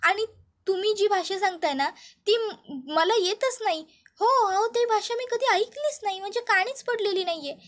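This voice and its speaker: This is a woman doing a frightened young wife from a retold TV serial. Her voice rides very high and tight as she pleads for answers. Every question comes out anxious and insistent. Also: moderate pace, fairly bright tone. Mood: pleading, distressed. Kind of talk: retelling TV serial dialogue.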